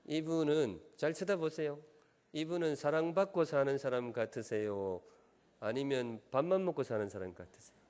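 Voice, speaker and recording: A man's voice: on the high side, normal speed, a little mellow. A middle-aged man from Gyeongsang Province, a pastor with a Gyeongsang accent, preaching a sermon and teasing the congregation with questions and jokes. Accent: Gyeongsang Korean. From Gyeongsan, Gyeongsang Province, South Korea. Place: large church sanctuary. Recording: long church hall reverb.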